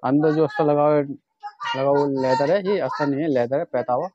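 In a casual product-demo vlog, a man from India chattily walks through leather shoes for wholesale, often addressing his viewers as friends. His voice is fairly high, fairly even and fairly quick, with background noise and the highs cut off.

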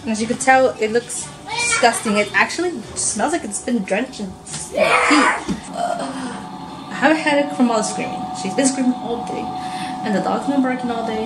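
A woman's voice: on the high side, very noisy. A young woman chatting casually to the camera at home in a day-in-the-life vlog, rambling with lots of fillers and sounding tired. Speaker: vlogger. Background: soft background music.

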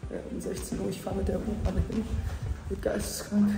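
A man's voice: high-pitched, monotone, a little fast, vocal fry. A young man filming himself on a phone, talking straight to his viewers in a hyped, slangy vlog style as he walks through the city and the gym. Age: young adult. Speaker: vlogger. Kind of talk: casual vlog narration. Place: city streets, hotel and gym, in and out of doors. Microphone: phone camera at arm's length.

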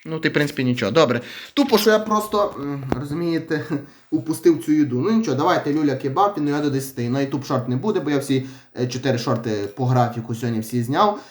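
A young man talks quickly in a loose, rambling vlog style. He sounds wry and offhand, as if reading out viewer comments. His voice sits at a middle pitch for a man. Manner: chatty, rambling, wry about his own channel. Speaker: vlogger.

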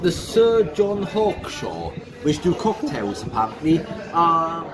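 A man's voice: a little high, very animated, takes it slowly, rough recording. A man hosting a casual pub-crawl vlog, rambling and joking as he rates each pub after a long day of drinking. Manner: jokey, rambling, tipsy reviewing. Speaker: vlogger host. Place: busy London pubs and streets. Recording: loud crowd chatter behind. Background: pub crowd noise.

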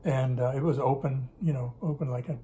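Medium in pitch and mellow, this older man's voice moves briskly with fairly even intonation over slight background noise. He's being casually interviewed at home at his kitchen table about business in Russia, rambling and self-correcting, captured by a camera on the table.

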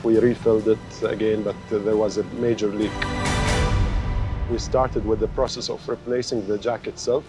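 A man speaking as a site engineer in an on-site interview, halting with many pauses, outdoors on a construction site. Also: fairly low pitch, flat delivery. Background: music bed.

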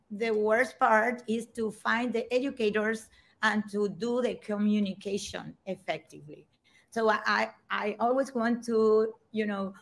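A woman's voice: mid-range voice, vocal fry. A woman speaking as the mentor and author of a research paper, earnest and apologetic, often restarting her sentences. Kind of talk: panel discussion.

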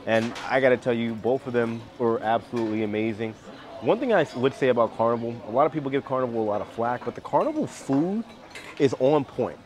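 A man's voice: medium pitch, animated, quick pace, a little mellow. Male cruise vlogger in his thirties, candid and casual, phone-at-arm's-length sound. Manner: chatty, candid, addresses viewers directly. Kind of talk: casual vlog narration. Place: cruise ship corridors and venues, indoors. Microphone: phone camera held at arm's length.

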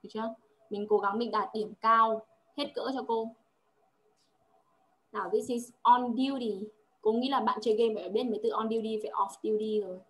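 A woman's voice: fairly high pitch, steady tone, normal speed, a bit bright. A woman tutoring one-on-one, patiently drilling words and checking understanding often. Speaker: English tutor. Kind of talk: one-on-one language lesson.

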